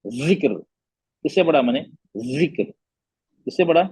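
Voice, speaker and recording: A man's voice: fairly high pitch, expressive, normal speed, darkish tone, breathy edge, dry recording. A man teaching Quran recitation in an online class, patiently repeating letter sounds and checking whether his students understood.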